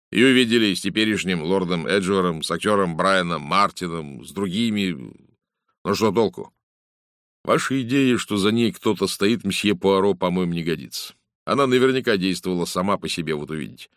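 A man voicing a brisk, blunt middle-aged police inspector in an audiobook, talkative and matter-of-fact. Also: sits low, a bit bright, clean tone, no echo, studio quality. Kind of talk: audiobook character voice.

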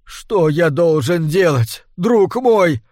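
A man's voice: on the high side, lively intonation, measured pace, a little mellow, no echo, clean studio sound. A man voicing a desperate, anguished husband pleading for help against a vampire. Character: desperate middle-aged man haunted by a vampire. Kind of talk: audiobook character reading.

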